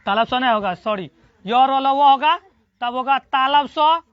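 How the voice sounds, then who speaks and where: A teacher giving a classroom grammar lesson, drilling students with repeated questions and slowly sounding out syllables. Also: high voice, dry recording. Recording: dull lo-fi recording.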